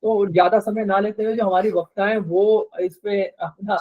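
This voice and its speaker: A man with a fairly high voice moderates an online webinar. He speaks hesitantly and fills his pauses. He talks into a video call microphone. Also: fairly even intonation, phone-quality sound. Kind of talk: webinar talk.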